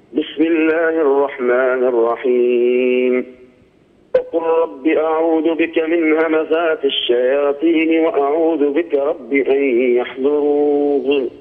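A male student reciting scripture slowly and melodically over a phone line for his teacher. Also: fairly high pitch, steady tone. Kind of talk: slow melodic Quran recitation. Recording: tinny phone line with reverb.

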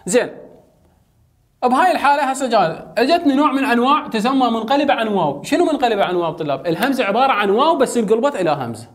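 A man's voice: extremely high pitch, big pitch swings, rapid-fire. A young adult male teacher with an Iraqi Arabic accent, giving a chatty lesson and asking his students questions, then answering them himself. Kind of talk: casual classroom lecture.

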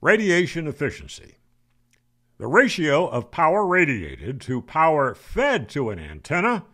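A little high and a bit bright, this American man in his seventies hosts a ham radio video, offering a casual, wry, opinionated explanation to camera. He chats conversationally and poses rhetorical questions. He records in a home room on a close desk microphone mounted on a boom arm.

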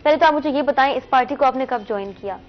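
A woman's voice: high-pitched, fast talker, muffled recording. A woman hosting a regional TV morning show, affirming her guest often and steering the conversation. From Pakistan. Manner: affirming, interjects agreement often.

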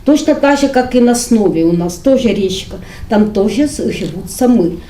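A woman's voice: a little high, lively intonation, normal speed, dark tone. Woman, assured replies, roomy echo, faint noise. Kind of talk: answering press questions. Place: indoor press conference room. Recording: echoey room, faint noise.

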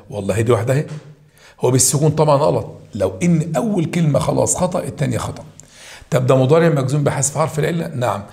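Fast-talking Egyptian teacher. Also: male voice, medium pitch, gravelly. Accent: Egyptian Arabic. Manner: lively and emphatic, repeats key points, addresses students directly. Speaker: high school Arabic teacher. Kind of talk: walking through grammar homework answers.

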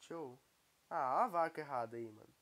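Excitable young Brazilian gamer with a cold. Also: male voice, a little high, brisk. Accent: Brazilian Portuguese. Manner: excitable, exclaiming at the screen. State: has a cold. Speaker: gaming YouTuber. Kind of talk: casual gameplay commentary.

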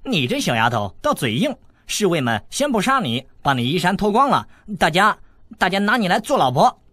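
A man's voice: on the high side, big pitch swings, fairly quick, a bit bright, no room sound, voice pushed up. Man voicing a brash boy rogue, audiobook, bragging and mocking. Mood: brash teasing. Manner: boastful, teasing, crude. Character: cheeky brash teenage boy rascal.

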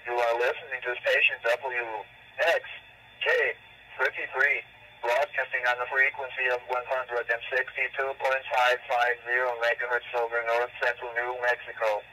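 A man's voice: mid-range voice, moderate pace, pauses often. Synthetic male voice over a weather radio. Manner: even, mechanical text-to-speech delivery. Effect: heard over a weather radio. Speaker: automated weather radio announcer. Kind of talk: automated weather bulletin readout. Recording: distant radio speaker with faint hiss.

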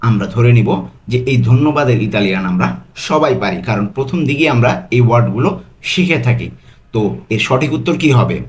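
A man with a medium-pitched, expressive voice teaches a quiz-style language lesson. He repeats each phrase and pronounces the foreign words very slowly and carefully.

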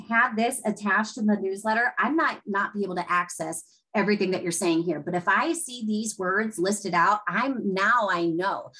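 A woman's voice: on the high side, a bit bright, poor audio. A woman giving a webinar presentation as a teacher, telling stories in a chatty, enthusiastic way.

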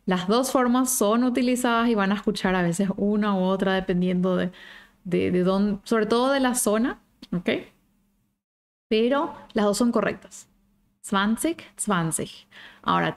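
Female language teacher, online lesson, mid-range voice, checks in constantly with quick tag questions, slows right down on example words. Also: medium pitch. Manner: slows down to model pronunciations.

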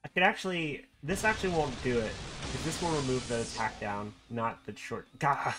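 Excitable streamer swearing at the game. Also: medium pitch, moderate pace, soft background music. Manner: excitable, swears often, laughs at own mistakes. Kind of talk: live gameplay commentary. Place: at home with a cat nearby.

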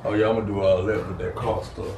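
A man's voice: fairly low pitch, flat delivery, quick pace, gravelly, a little mellow. A young man chatting plainly while working on a small shed room. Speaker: handyman fixing the shed. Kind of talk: casual chat. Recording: echoey room with noise.

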